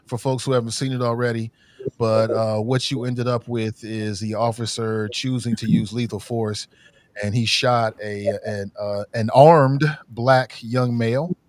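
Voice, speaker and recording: Male livestream podcast host, slightly under the weather, conversational and opinionated, medium pitch, close dry sound. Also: dry recording. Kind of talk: livestream news commentary.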